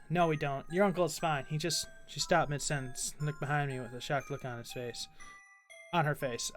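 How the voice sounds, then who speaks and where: A male streamer reading a creepypasta aloud with expressive delivery, breaking off now and then to mutter. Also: mid-range voice. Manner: expressive reading, quiet muttering asides while gaming. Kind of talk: reading a horror story aloud.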